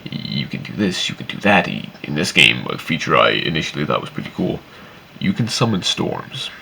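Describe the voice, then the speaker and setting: A man's voice: a bass voice, sing-song, moderate pace, gravelly, sharp tone, a little hiss or hum. A man giving casual, opinionated game commentary in a rambling, sweary, complaining way. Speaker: video game reviewer.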